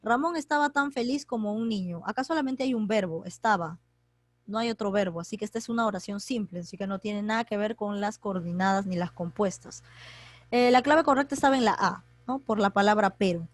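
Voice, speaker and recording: A woman teaching an online grammar class, talking quickly and chattily as she quizzes students by name. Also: mid-range voice, no room sound. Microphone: computer mic on a video call.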